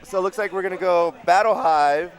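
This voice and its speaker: A man casting a live arcade game tournament, excitable and shouting at the big plays. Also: high voice, a little fast. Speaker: esports caster.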